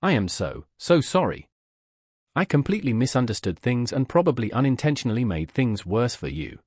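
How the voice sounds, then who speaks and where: A man voicing a warm, emotional young woman who gushes and apologizes, with a husky voice. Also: medium pitch, very animated, moderate pace, no room sound, studio quality.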